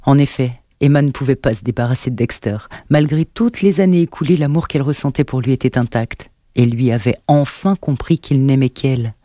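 A man narrating a novel in an even, measured storytelling manner. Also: mid-range voice, dry recording, studio quality. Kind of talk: scripted audiobook narration.

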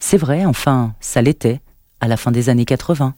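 A man's voice: medium pitch, moderate pace, warm tone, no room sound, studio quality, lightly acted. A man reading an audiobook, voicing a hesitant, wry man in his thirties who mutters his lines. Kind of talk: audiobook narration.

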